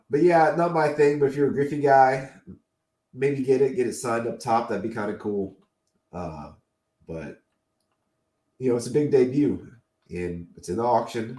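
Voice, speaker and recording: A man's voice: medium pitch, lively intonation, a little slow, pauses often, dark tone, roomy sound. A man co-hosting a casual chat, talking about what he collects in an enthusiastic, opinionated way, and he is losing his voice. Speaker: podcast co-host.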